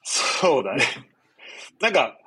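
A man in his twenties with a nasal, stuffed-up, husky voice, chatting casually as a podcast host in a rambling, explanatory way. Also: mid-range voice, sing-song, takes it slowly, sharp tone. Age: 20s. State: congested after nose surgery. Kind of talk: casual chat.

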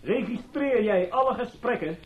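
A man's voice: very high voice, lively intonation, slightly rough, highs cut off, exaggerated voice. An actor playing a sarcastic, suspicious male astronaut who needles his crewmate in a radio drama. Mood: curious. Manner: sarcastic, needling, quick swings from hushed to loud.

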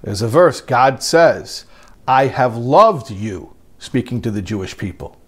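A man teaching a religious class, telling a story in a lively way and breaking into quoted lines, with frequent repeated words. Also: mid-range voice, unhurried, slightly rough.

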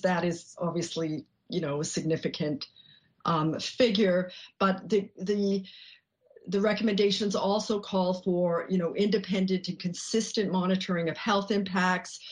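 A woman researcher answering interview questions in a measured way, often pausing with "um" and "you know.". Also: fairly low pitch. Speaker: researcher guest.

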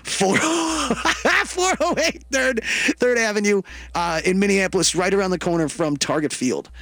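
A man's voice: high-pitched, animated, unhurried, a bit bright, dry recording. A man co-hosting a comedy radio show, chatting casually in rambling, slangy banter.

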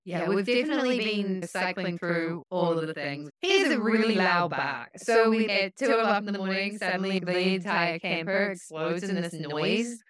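A woman hosting a podcast, telling stories in a lively way with animated quoted speech. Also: medium pitch, moderate pace, few pauses. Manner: lively storytelling, animated quoting. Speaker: podcast host. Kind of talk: podcast conversation.

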